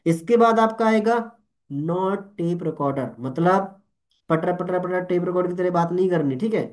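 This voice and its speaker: A young man with a high-pitched voice speaks at normal speed while training network marketers in a motivational session. He mixes Hindi with English and animatedly keeps checking that everyone is following, asking "ठीक है?" and "All clear?"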